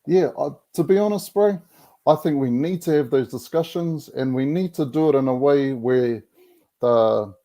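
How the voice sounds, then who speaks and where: A man's voice: medium pitch, moderate pace, dark tone. A man with a broad New Zealand accent talks in a casual, reflective way, very colloquial and mixing Māori words into his English. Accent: broad Kiwi, Māori New Zealand English. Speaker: podcast guest.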